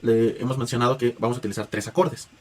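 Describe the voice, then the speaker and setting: A man's voice: mid-range voice, fairly even intonation, fast, a little mellow. A man gives a patient spoken music lesson, guiding students through chant tones with filler words and restarts. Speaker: music teacher.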